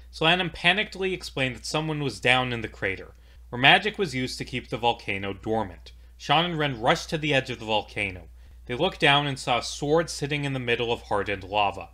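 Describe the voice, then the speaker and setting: A man telling the story of a fantasy tabletop campaign in measured, dramatic scripted narration. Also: lowish voice, pushed and bright.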